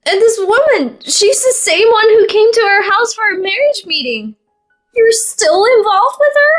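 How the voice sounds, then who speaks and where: Older mother, woman narrator voicing, shrill and scolding, pitched very high. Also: big pitch swings, measured pace, a bit bright, soft background music, exaggerated voice. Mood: outraged. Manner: shrieking, scolding.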